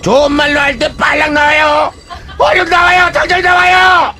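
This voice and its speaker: A man voicing an angry middle-aged worker at a portable toilet company, shouting and bossy. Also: very high voice, little pitch movement, moderate pace, loud music behind the voice, pitched above the performer's own voice.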